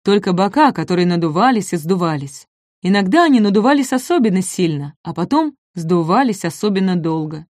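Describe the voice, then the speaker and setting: A woman storyteller reading a children's story aloud in a gentle, lively way. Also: on the low side, brisk, dry recording, clean studio sound.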